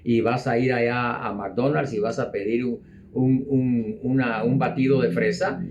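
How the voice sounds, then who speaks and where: A man talking as an interview guest, explaining at a measured pace and often repeating words. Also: medium pitch, fairly even intonation, darkish tone, highs cut off, a little hiss or hum. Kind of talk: conversational explaining.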